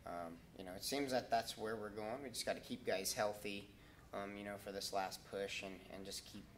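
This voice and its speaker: Wrestling coach in his 30s, lowish voice, lots of ums, faint room hum behind. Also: steady tone. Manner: halting, many ums and restarts. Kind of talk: casual interview answers. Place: school wrestling room, indoors.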